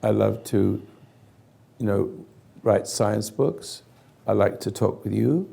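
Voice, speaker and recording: An older man with a low, badly hoarse voice, as if gargling as he talks. It is thick with gravel and rasp. He leads a group conversation earnestly, in emphatic, broken phrases. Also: slow, mellow. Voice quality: gargling, raspy, failing voice. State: hoarse, throat-clearing. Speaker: host leading a group conversation. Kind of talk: spoken counselling talk to a group.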